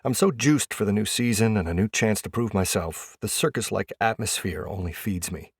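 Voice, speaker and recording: A young adult man narrating an audiobook in the first person in a lively, expressive way. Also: on the low side, normal speed, husky, no room sound, studio quality.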